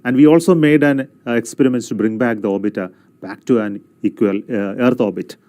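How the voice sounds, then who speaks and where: A man with an Indian accent giving a formal podium speech as an agency representative, in measured, halting phrases. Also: mid-range voice, dark tone.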